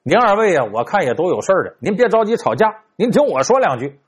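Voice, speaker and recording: A man doing a shrewd smooth-talking fortune teller. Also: high voice, very animated, quick pace, full character voice. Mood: summoning. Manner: coaxing, conspiratorial, hushed warnings.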